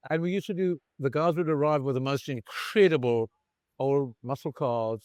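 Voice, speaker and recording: A middle-aged man from South Africa tells stories in a relaxed interview, acting out the people in them. His pitch sits in the ordinary middle range. The sound is dry, with little room around it. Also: normal speed, clear, resonant tone, dry recording. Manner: animated anecdotal storyteller, acts out dialogue. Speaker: bar founder, interview guest. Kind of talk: casual storytelling interview. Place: bar in Cape Town.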